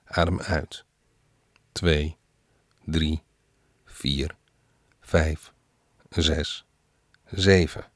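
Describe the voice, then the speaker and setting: A man guiding a breathing exercise in a calm manner, counting slowly and trailing off softly. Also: a bass voice, no room sound, studio quality.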